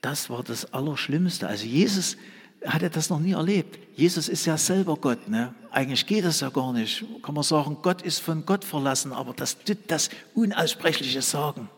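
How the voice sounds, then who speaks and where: A husky-voiced man delivers an earnest sermon in a church hall, his voice trailing into a long reverb. He presses hard on key words, then drops to a near whisper. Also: on the high side, animated, normal speed. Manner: swings from loud emphasis to hushed whispers. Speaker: preacher.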